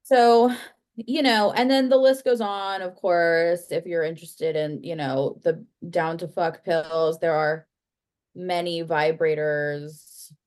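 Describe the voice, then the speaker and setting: A woman's voice: fairly low pitch, fairly even intonation, takes it slowly, a little mellow. A woman co-hosting a podcast in casual chat, talking in a hesitant, chatty way. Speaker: podcast co-host.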